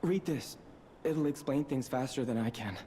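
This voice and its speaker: Man acting a jittery, rambling alchemist, soft mellow voice. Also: mid-range voice, normal speed, slight background noise, natural voice. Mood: nervous rambling. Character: nervous jittery male alchemist posing as pharmacist. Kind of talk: video game voice acting.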